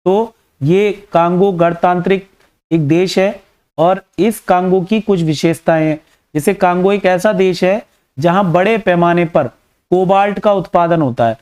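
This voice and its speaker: A man teaching geography in Hindi with an Indian accent, walking through a map and turning key facts into quick questions with frequent "है ना" checks. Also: high-pitched, darkish tone, clear, resonant tone. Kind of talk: exam-prep map lesson.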